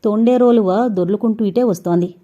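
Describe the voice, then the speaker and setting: A woman narrating a suspense audio novel with steady, suspense-building storytelling. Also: medium pitch, fairly quick. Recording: dull lo-fi recording.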